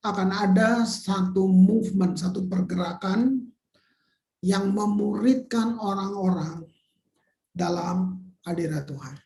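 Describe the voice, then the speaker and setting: A man's voice: sits high, slow, creaky, darkish tone. A male pastor preaching an informal sermon, talking conversationally, exclaiming and repeating words as he searches for them. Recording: roomy hall echo.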